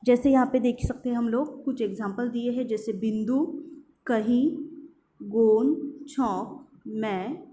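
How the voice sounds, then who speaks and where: A woman teacher giving an online grammar lesson, explaining slowly and repeating her examples, with English words mixed into her Hindi. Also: on the high side, warm tone.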